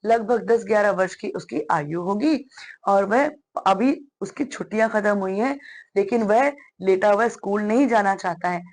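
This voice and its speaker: A woman's voice: mid-range voice, normal speed, darkish tone. A woman teacher patiently explaining a one-act play to children and often addressing them directly.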